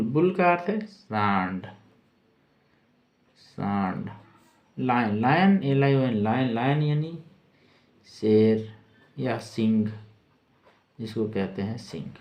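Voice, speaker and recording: Male teacher, mid-pitched, very slow and patient, spells out words and repeats them. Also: darkish tone. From India. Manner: spells words letter by letter, repeats each word slowly. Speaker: English teacher. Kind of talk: slow spelled-out vocabulary lesson.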